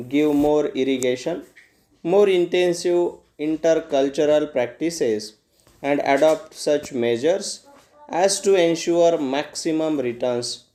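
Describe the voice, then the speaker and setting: An Indian-accented man dictates a practice passage at a very slow pace. His voice is soft-edged and mellow, pitched a little high. He breaks the text into short, measured phrases, as a dictation teacher does.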